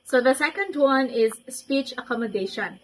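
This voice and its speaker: A woman's voice: high voice, lively intonation, moderate pace, rough recording. A young woman student presenting a class report, explaining each point and linking them with "so". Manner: explanatory, with frequent "so" to link points.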